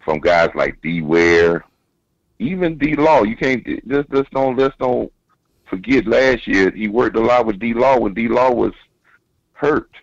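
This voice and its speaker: A man's voice: mid-range voice, lively intonation, a little slow, no echo. A man calling in over the phone, a football coach chatting casually and repeating words as he builds his point. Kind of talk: casual sports chat. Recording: dull dry phone line.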